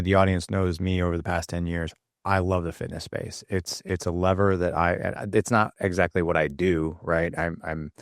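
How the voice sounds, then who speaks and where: A man's voice: low voice, dry recording, clean studio sound. Casual Midwestern man hosting a podcast. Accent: Midwestern American. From St. Louis, USA. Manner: energetic, casual, filler-heavy. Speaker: podcast host. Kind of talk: podcast interview.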